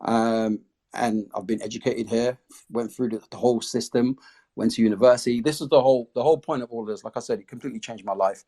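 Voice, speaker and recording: A man's voice: mid-range voice, steady tone, fast talker, mellow. A man talking casually in an interview, explaining the project he founded. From came to the UK as a child refugee.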